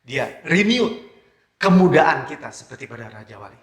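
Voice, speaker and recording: A man preaching a sermon as pastor, emphatic and halting, punctuating his phrases with a repeated affirming filler. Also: mid-range voice, sing-song, gravelly. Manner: emphatic preaching with frequent hesitations. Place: church. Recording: roomy echo.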